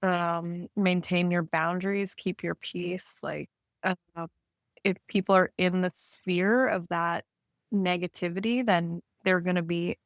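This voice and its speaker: A Canadian woman speaks as a client in a healing session, candid and casual, rambling and self-reflective and often saying "like". Her fairly low voice keeps a steady tone and measured pace. The recording is dry and studio quality.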